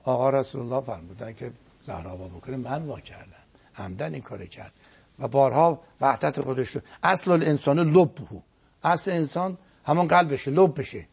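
On a broadcast program, a guest cleric gives an earnest, emphatic religious lecture, often repeating words for stress. His medium-pitched voice is gravelly, husky, and a little mellow.

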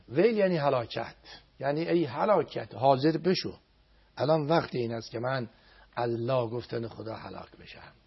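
A man with a gravelly, husky voice gives an emphatic religious talk for television. He repeats phrases for weight and slows into chanted prayers. The audio is dull and lo-fi, like an old broadcast. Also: medium pitch. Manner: emphatic, chants Arabic prayers slowly with repetition. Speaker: religious speaker.

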